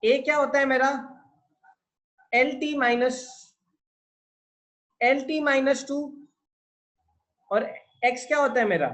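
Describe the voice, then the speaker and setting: This physics tutor's very high, slightly bright voice comes slowly and with frequent pauses, and the audio is poor. He has an Indian English accent, blends Hindi into his English sentences, and answers the questions he puts to his class.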